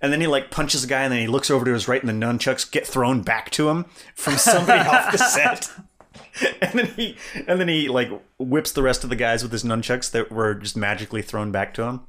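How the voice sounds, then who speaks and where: A young man in casual podcast chat, recounting scenes from a film with lively enthusiasm. He laughs often as he talks. His voice sits at an ordinary middle pitch. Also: a little fast. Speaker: podcast co-host. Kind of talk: casual movie review chat.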